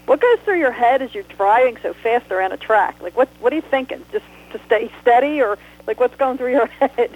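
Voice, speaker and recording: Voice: medium pitch, expressive, brisk, few pauses. Casting: curious host asking questions, tinny phone-like line. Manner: curious, laughs easily. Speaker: radio host. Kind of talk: interview.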